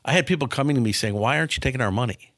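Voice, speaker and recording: A man's voice: mid-range voice, racing, fairly bright tone, dry recording, clean studio sound. A man in his fifties, a business owner answering interview questions frankly and often repeating words as he starts a sentence. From small town near Milwaukee, US. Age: 50s. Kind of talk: casual interview talk.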